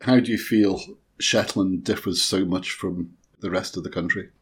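A man hosting a podcast interview, putting courteous, measured questions to his guest. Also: deep voice, fairly even intonation, a bit bright, husky.

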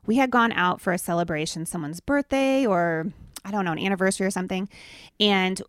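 A woman's voice: medium pitch, brisk, dry recording, clean studio sound. A middle-aged woman co-hosting a casual chat, telling stories in a chatty way and laughing often. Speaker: podcast co-host.

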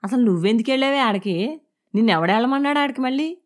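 Woman playing a crude domineering husband, audio novel, loud, raised and sneering. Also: mid-range voice, a little fast, natural voice. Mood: scornful, bullying.

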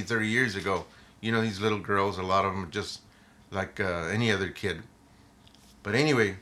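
An older man, a retired police officer, telling a funny story from the job in a casual, animated way, often repeating words. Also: fairly low pitch.

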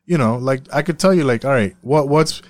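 A Puerto Rican man with a medium-pitched voice talks briskly in a casual, foul-mouthed discussion. He speaks with emphasis and keeps looping back to repeat his points.

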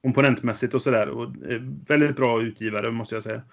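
Measured, mildly cynical man. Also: mid-range voice, fairly even intonation, creaky, dull audio. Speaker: podcast co-host. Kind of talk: casual board game news chat.

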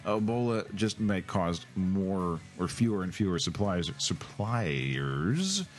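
A man's voice: deep voice, sing-song, slow pace. A man hosting a comedic podcast, ranting in a sarcastic, mock-emotional and theatrical way. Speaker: podcast host.

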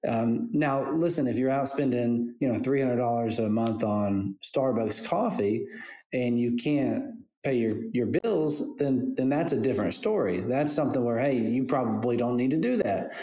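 A man's voice: medium pitch, moderate pace, dark tone. A man speaking as a financial advisor guest, talking chattily and candidly with everyday examples. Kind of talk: casual interview answers. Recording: roomy echo.

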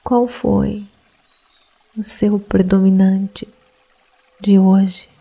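A woman guiding a sleep meditation in a soft, breathy, partly whispered voice, hushed and calming as if late at night. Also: medium pitch, very slow. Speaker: meditation guide.

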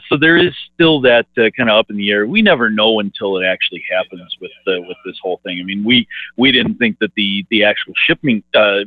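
Halting man over a phone line. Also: on the low side, no room sound. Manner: halting, heavy with "uh" fillers and restarts. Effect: heard over a phone line. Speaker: grain market analyst guest. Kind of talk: phone interview on farm markets. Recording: narrow dry phone line.

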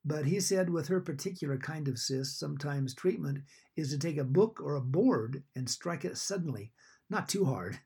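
Gravelly, husky man co-hosting a podcast. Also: a little high, lively intonation, moderate pace, darkish tone. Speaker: podcast co-host. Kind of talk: conversational podcast discussion.

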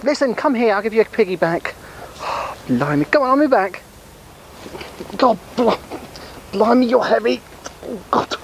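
A man putting on a very high voice for an exhausted, exasperated male leader who keeps begging for rest. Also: expressive, moderate pace, vocal fry, long pauses, a little hiss or hum, exaggerated voice, poor audio. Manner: breathless, pleading and exasperated. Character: exhausted male group leader, frantic and complaining. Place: outdoors.

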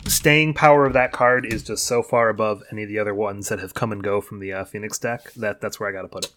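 Man, Chicago accent, lowish pitch, podcast co-host, relaxed filler-heavy chat. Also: quick pace. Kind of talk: casual chat.

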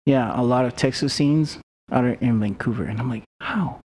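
Guy cracking jokes on a podcast, does little voices for people, mid pitch, faint rumble. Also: moderate pace, darkish tone. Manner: joking, acts out quoted people. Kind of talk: casual chat.

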